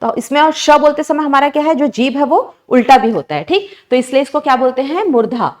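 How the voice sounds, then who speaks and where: A woman teacher with a slightly high voice talks through exam questions. She keeps asking her students questions and builds each answer step by step. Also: expressive, fairly quick. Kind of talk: exam prep lesson.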